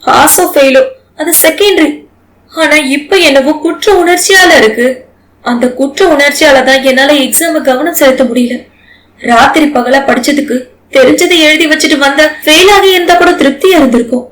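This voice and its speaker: A woman's voice: sits high, normal speed, a bit bright, rough recording. A woman voicing a young wife who is guilt-ridden and speaks in a pleading, tearful way. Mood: distressed.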